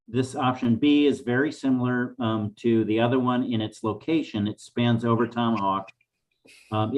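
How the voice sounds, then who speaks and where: A man giving an informal slide presentation at a public meeting, explaining options in a halting way. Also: fairly low pitch. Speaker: project presenter.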